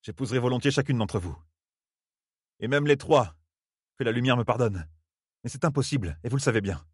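A man's voice: medium pitch, expressive, brisk, husky, dry recording, clean studio sound, pitched above the performer's own voice. A man voicing a stern, tormented young man in an audiobook, with a hard, heavy delivery. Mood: resigned.

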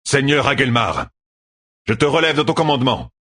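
A man's voice: lowish voice, very animated, normal speed, a bit bright, husky, voice pushed up, heavily acted. A man voicing a stern male army commander who gives clipped, urgent orders in a raised, commanding voice.

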